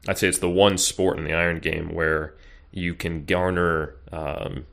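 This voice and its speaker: A man's voice: low voice, little pitch movement, unhurried, gravelly, fairly bright tone. A man in his thirties, a podcast guest, talking casually and rambling with many fillers and restarts. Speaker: podcast guest, bodybuilding coach. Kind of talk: casual interview chat.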